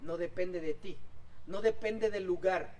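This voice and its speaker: A male pastor delivers an outdoor sermon, his voice rising to loud exhortation and falling to soft asides. He sits some way from the microphone, so the sound is distant. A faint background noise runs underneath. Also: sits high, unhurried. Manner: impassioned preaching, swinging between loud exhortation and soft asides. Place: outdoor church service.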